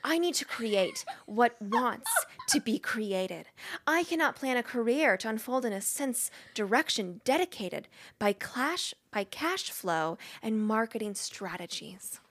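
Woman putting on a breathy, solemn author reading, slow and soft, bright tone. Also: fairly high pitch, expressive.

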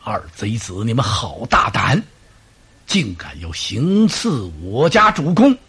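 A man voicing a cool, stern male strategist who speaks in low, clipped commands, in a traditional storytelling performance. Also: sing-song, slow pace, a bit bright, breathy edge, heavily acted.

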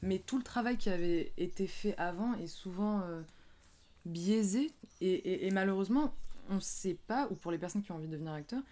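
A woman's voice: medium pitch, animated, brisk, warm tone. A woman interviewing a guest, thoughtful and hesitant, with many fillers. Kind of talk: casual interview conversation.

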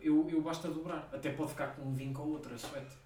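Portuguese dude talking fast, slang plus english words, kinda high, echoey room. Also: male voice, level tone, mellow, distant mic, slight background noise. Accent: European Portuguese. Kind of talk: casual chat. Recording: roomy, from off the mic.

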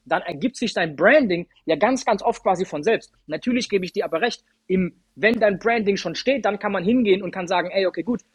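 Man, husky voice, high for a guy, dry close sound, slangy casual chat, thirties. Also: fairly quick, hardly any pauses, no echo. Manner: slangy, animated, lots of filler phrases. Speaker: podcast guest, DJ.

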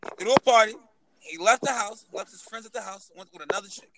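A man co-hosting a casual podcast, telling a story in an animated way with lots of profane slang. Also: high voice, fast, noisy background. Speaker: podcast co-host. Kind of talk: casual heated chat.

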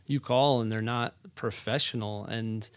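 Guy on a podcast telling stories, real smooth voice, throws out rhetorical questions, dry room. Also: lowish voice, measured pace, no echo. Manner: animated storyteller with rhetorical questions. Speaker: podcast guest, real estate agent. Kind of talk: casual podcast interview.

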